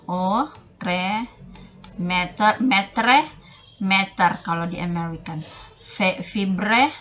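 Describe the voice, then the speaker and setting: Woman lecturer, slow delivery, hesitant with many fillers, dull lo-fi sound. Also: medium pitch, fairly bright tone. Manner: halting, many fillers and restarts, mixing English terms into explanation. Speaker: English lecturer. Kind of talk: online phonology lecture.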